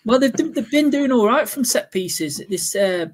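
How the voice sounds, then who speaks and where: A man co-hosting a fantasy football podcast, chatting in an excitable, casual way. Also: very high-pitched, measured pace. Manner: chatty, excitable, fan talk. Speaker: podcast co-host. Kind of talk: casual chat.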